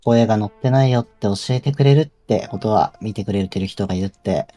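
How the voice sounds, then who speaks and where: A man's voice: lowish voice, brisk, warm tone. A man streamer, teasing his co-host in casual game banter.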